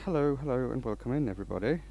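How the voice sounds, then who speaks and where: A man's voice: mid-range voice, lively intonation, very fast, vocal fry, dark tone. A man from Denmark hosting a casual woodturning livestream, rambling and restarting his sentences as he greets viewers. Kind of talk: casual live-stream chat while working.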